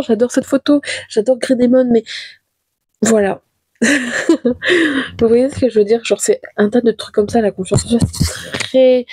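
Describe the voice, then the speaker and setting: A woman's voice: medium pitch, dark tone, husky, no echo. A young woman hosting a casual confessional podcast from her bedroom, chatty and rambling, with lots of fillers and restarts. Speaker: podcast host.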